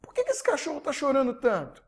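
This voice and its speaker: A man's voice: extremely high pitch, wildly swooping pitch, fast, pitched above the performer's own voice, full character voice. A man voicing a puzzled male traveler who asks question after question. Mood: incredulous. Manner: incredulous, questioning.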